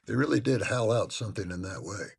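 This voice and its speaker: Guy reading a classic novel out loud, really husky, lowish voice. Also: fast talker. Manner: expressive first-person narration. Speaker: audiobook reader.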